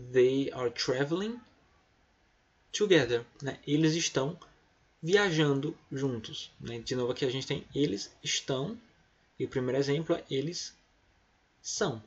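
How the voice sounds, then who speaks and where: Brazilian man, patient English teacher, husky voice, dull lo-fi computer-mic sound. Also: fairly high pitch. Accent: Brazilian Portuguese. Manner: patient, explains step by step, often adds "tá?" and "né?". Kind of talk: recorded remote lesson.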